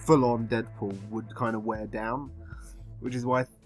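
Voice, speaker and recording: A man with an English accent giving a casual film review, rambling and halting as if he has been drinking. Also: medium pitch, flat delivery, faint music behind. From England.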